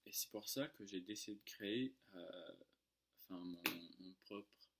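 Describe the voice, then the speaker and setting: A man's voice: on the low side, a little slow, background noise. An American man, a native English speaker, tells things casually in non-native French, hesitating and making small grammar slips. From United States. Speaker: French tutor and online video creator. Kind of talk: casual storytelling to camera.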